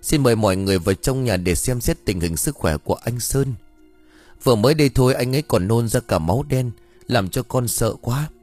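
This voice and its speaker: A man's voice: mid-range voice, expressive, a little fast, darkish tone, faint music behind, close to an everyday voice. A man voicing a worried, polite village wife who greets guests and anxiously explains her husband's illness.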